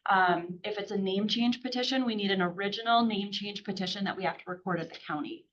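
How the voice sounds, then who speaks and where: A woman from a title company calmly explaining legal procedures to a team. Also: mid-range voice, fast. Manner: matter-of-fact, explanatory. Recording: dull muffled room audio.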